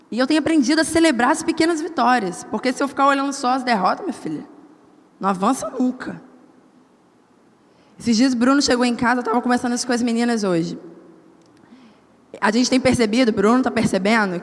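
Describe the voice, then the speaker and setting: A woman with a high voice preaches to a women's gathering, telling stories from her own life and acting out each voice in them. Her words ring through a church hall with a long, trailing reverb. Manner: animated storytelling, acts out quoted dialogue. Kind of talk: sermon with personal stories.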